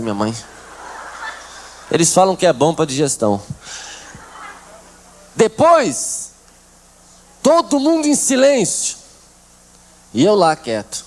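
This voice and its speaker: A man in his thirties giving a humorous church testimony, telling his story with animated comic quotes of the people in it. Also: a little high. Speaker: testimony speaker. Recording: 1990s.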